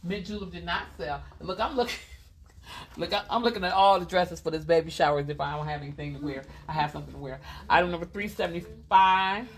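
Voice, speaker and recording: A woman speaking fast in a low-pitched voice hosts a casual live-stream clothing sale from a boutique. She's chatty and keeps repeating item numbers and prices.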